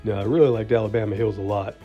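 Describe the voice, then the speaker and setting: A man's voice: lowish voice, steady tone, very fast. A man narrating a travel vlog in a scripted voice-over, informative with dry asides. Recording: dull lo-fi voice-over with music.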